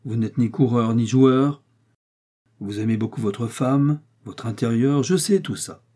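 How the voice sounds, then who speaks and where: A man voicing a shrewd, blunt older village mayor from Normandy, lecturing his son-in-law in a dark, husky voice. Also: medium pitch, a little slow. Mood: stern.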